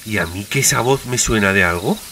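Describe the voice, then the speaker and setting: Low-voiced man bantering on radio. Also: a little fast, pushed and bright, far from the mic, slight background noise. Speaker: radio show co-host. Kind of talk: comic scripted radio sketch.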